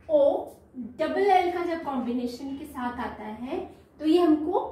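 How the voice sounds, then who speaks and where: Woman phonics teacher, high voice, slow repetitive drilling, echoey room, distant mic. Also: a little mellow. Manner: slow, drilling sounds and words repeatedly, addresses student as beta. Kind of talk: online phonics lesson.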